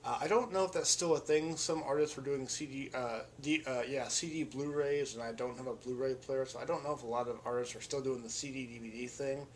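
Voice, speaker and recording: A man's voice: mid-range voice, steady tone, fairly quick, few pauses, a little hiss or hum. A man who vlogs and plays music tells a story in a casual, rambling, enthusiastic way, restarting his sentences often. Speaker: vlogger and musician.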